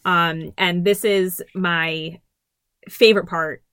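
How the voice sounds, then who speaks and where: A woman's voice: fairly low pitch, fairly even intonation, slow, a bit bright, smooth, no room sound, studio quality. A woman co-hosting a casual book podcast, chatty and emotional, reading passages aloud. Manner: chatty, emotional, many fillers. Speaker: podcast co-host.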